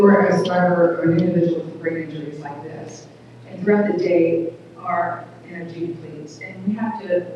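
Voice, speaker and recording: A middle-aged woman with a small, thin voice giving an earnest public talk at a community event, speaking plainly with halting restarts. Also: on the low side, far from the mic, a little hiss or hum. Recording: echoey hall recorded from afar, dull.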